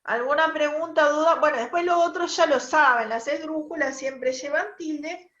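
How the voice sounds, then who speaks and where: Woman teacher, high voice, measured pace, lo-fi video call sound, explains step by step. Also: a bit bright. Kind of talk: online class lecture.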